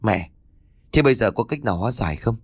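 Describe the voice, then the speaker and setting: A man voicing a tense, short-tempered young husband who speaks in gruff, curt bursts. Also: fairly low pitch, lively intonation, fast, no echo, studio quality. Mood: uneasy.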